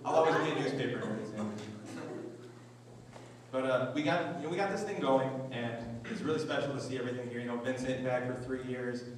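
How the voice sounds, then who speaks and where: A young man in his twenties doing a deadpan, self-mocking stand-up set on a school auditorium stage. His voice sits at a middling pitch and is heard from far off. It rings through a very echoey hall with steady noise underneath. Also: a little fast. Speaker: stand-up comedian.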